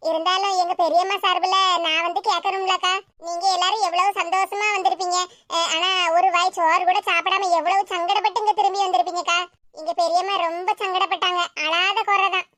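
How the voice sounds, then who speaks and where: A woman's voice: very high-pitched, fairly even intonation, a little fast, pushed and bright. A woman voicing a polite, apologetic young woman who speaks hesitantly, with a Tirunelveli Tamil accent.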